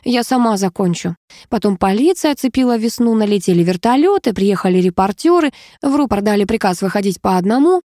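A woman voicing a chatty, teasing young female friend who talks in a quick, mocking, gossipy way. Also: mid-range voice, expressive, warm tone, dry recording, clean studio sound, close to an everyday voice.

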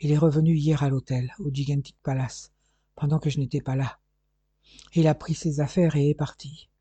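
A man voicing a dying older male detective who speaks weakly and haltingly, short of breath, in an audiobook. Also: on the high side, level tone, dark tone, husky, no echo, dull audio. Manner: weak, halting, breathless speech.

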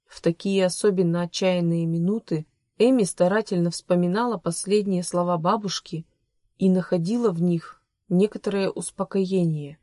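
Mellow-voiced woman reading a story. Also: lowish voice, fairly even intonation, normal speed, no echo, studio quality. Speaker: audiobook narrator. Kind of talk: scripted narration.

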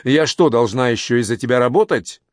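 A man's voice: medium pitch, a little fast, no echo, clean studio sound, natural voice. A man voicing a harsh, bossy middle-aged woman director who barks curt threats. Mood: barking.

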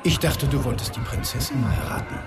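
Man acting courteous Death with a creaky voice. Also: mid-range voice, lightly acted. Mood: formal, reserved. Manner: formal, measured, slightly hesitant. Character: Death, male, courteous weary solemn father. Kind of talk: radio play acting. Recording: crowd and music behind.

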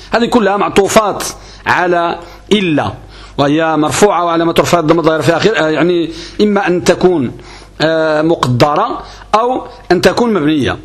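A man's voice: a little high, expressive, brisk. A man gives a grammar lesson on a classical text. He is methodical, putting questions to his class and answering them himself. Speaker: religious teacher.

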